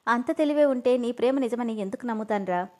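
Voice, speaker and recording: A woman's voice: fairly high pitch, fast, warm tone, close to an everyday voice. A woman voicing a wronged young woman who pleads through tears. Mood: tearful. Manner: pleading, tearful.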